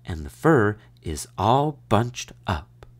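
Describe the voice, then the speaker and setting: A man's voice: lowish voice, very animated, takes it slowly, heavily acted. A man voicing a fussy, middle-sized mama polar bear in a storybook read-aloud, growling and huffing. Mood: huffy.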